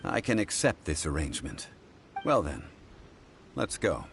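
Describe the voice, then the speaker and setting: A man voicing a composed, dignified consultant in a video game, speaking formally and with measured firmness. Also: low voice, very animated, vocal fry, a little hiss or hum, exaggerated voice. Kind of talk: scripted video game dialogue.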